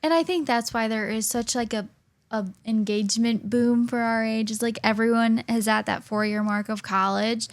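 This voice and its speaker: A woman's voice: on the high side, steady tone, normal speed. A woman in her early twenties co-hosting a podcast, talking in a chatty, thoughtful way with many fillers. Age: early 20s. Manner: chatty, thoughtful, uses "literally" and "like" often. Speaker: podcast co-host. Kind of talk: casual chat.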